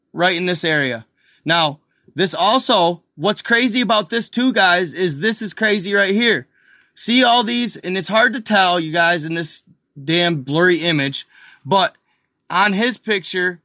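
A man hosting a casual video, talking excitedly over images on screen, speculating and firing questions at his viewers. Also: a little high, no room sound, clean studio sound. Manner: addresses viewers as guys and y'all, lots of fillers. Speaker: video host.

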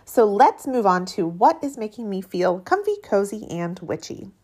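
A woman's voice: medium pitch, very animated, moderate pace, a little mellow, slightly rough. A woman in her late thirties hosting a solo podcast in a casual, chatty, informal way. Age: late 30s. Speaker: podcast host. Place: cabin with a metal roof in rain.

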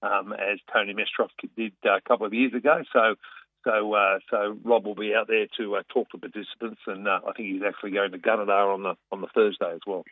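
An Australian man talking as a racing guest in a casual radio interview, conversational and a bit halting. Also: fairly low pitch, little pitch movement, no room sound, narrow, tinny audio.

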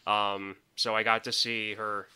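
A man's voice: lowish voice, flat delivery, unhurried, bright, forceful tone, clear, resonant tone. A man in his thirties co-hosting a casual podcast chat, rambling with restarts and laughing often. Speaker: podcast co-host.

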